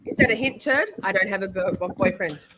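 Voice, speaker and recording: A woman's voice: medium pitch, expressive, fairly quick, noisy background. A woman giving irreverent, casual commentary in a mocking, crude and playful manner. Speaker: commentator reacting to a trial broadcast.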